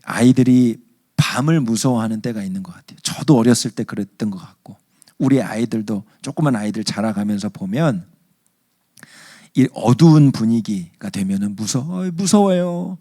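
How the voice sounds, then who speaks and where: A male pastor preaching a sermon at a church service, telling stories in an animated way. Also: on the low side, moderate pace. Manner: animated storyteller acting out scenes.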